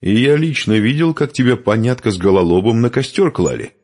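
A man voicing a brash, cheeky young male Khazar warrior in an audiobook, teasing and boastful, with a husky voice. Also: medium pitch, expressive, a little fast, darkish tone, voice pushed up.

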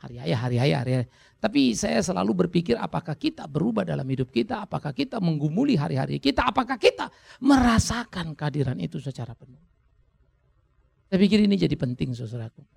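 A man's voice: fairly high pitch, sing-song, fast talker, gravelly, darkish tone, husky. A middle-aged man preaching a sermon in a church, in a chatty, conversational way with jokes for the congregation. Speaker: pastor.

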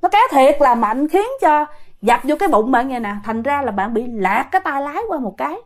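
A woman's voice: high-pitched, animated, a little fast. A young woman casually retelling a listener's ghost story, chatty, slipping into the voices of the people in it.

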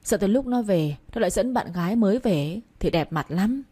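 A woman's voice: medium pitch, animated, brisk, mellow, breathy edge. A woman doing a blunt, reproachful older mother. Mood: scolding. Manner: reproachful, plain-spoken.

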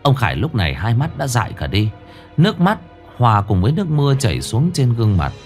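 A man narrating a ghost story in an expressive, dramatic storytelling manner. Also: mid-range voice, fast, soft background music.

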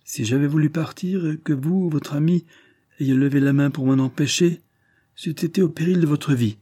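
A man's voice: medium pitch, normal speed, mellow, husky, no echo, studio quality, pitched above the performer's own voice, close to an everyday voice. A man voicing a proud, guarded young man who answers in a clipped, defensive way, in an audiobook reading. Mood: defiant. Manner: clipped and defensive, flaring into agitation. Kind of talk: audiobook character voice.

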